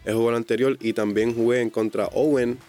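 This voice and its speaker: A man with a Puerto Rican Spanish accent, a basketball player chatting casually in an interview, rambling and relaxed. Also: mid-range voice, fairly quick, faint music behind. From Puerto Rico. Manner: relaxed, rambling, fillers like "me entiendes".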